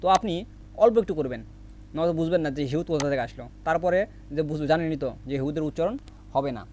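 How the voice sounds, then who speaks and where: Male language teacher, high voice, drills words by repeated question and answer, faint hum behind. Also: fast, a little mellow. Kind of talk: recorded vocabulary lesson with memory tricks.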